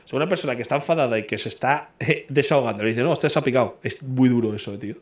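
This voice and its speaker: A man's voice: mid-range voice, rapid-fire. A man from in casual chat who talks bluntly, swears freely and argues his point over and over.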